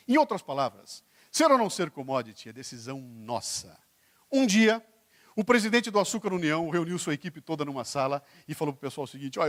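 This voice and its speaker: A man's voice: on the high side, fairly bright tone. A man with a Brazilian Portuguese accent giving a motivational lecture on stage, joking with and quizzing his audience. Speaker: keynote speaker. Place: stage before a live audience.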